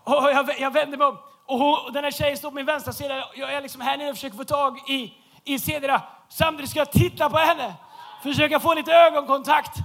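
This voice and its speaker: A man preaching a humorous sermon in a church, telling a story with lively shouted punchlines. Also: very high voice, gravelly. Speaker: pastor. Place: large church hall.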